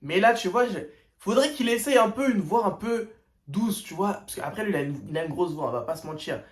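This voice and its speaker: A man's voice: sits high, animated, fairly quick. A young man hosting a casual first-listen music reaction, talking in loose slang with lots of hesitations and filler. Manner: slangy, hesitant, full of "tu vois" and "euh". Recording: echoey room.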